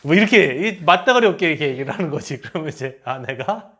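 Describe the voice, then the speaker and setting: A middle-aged man giving a lecture, talking lively and acting out the remarks he quotes. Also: on the high side, fast talker. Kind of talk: enneagram lecture.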